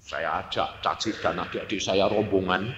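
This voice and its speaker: A man's voice: low voice, moderate pace, big-room sound, muffled recording, noisy background. A man preaching a sermon, telling a personal story dramatically and acting out family members' lines. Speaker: pastor.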